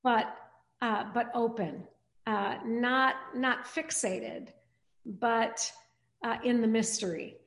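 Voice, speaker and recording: A woman pastor hosting a podcast interview, speaking in a halting way with many fillers and restarts. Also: on the high side, vocal fry, fairly bright tone. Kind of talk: casual interview chat.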